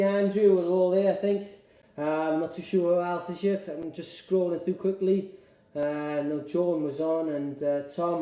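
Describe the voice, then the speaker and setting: A Welsh man leading a live gentle exercise class, chatty and encouraging, slightly out of breath as he works out. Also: fairly high pitch. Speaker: exercise instructor. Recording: echoey room, mic at a distance.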